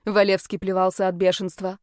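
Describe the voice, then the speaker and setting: A woman's voice: mid-range voice, monotone, brisk, darkish tone, no room sound, studio quality. A woman narrating a first-person audiobook in a wry, sardonic tone.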